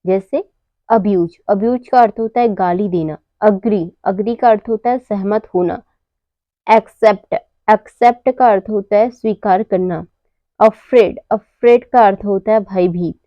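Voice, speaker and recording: A woman giving a slow English lesson, pausing often and answering her own questions. Her mid-range voice sits close to the mic with no room echo. The sound is a little muffled and lo-fi. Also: medium pitch. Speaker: English teacher.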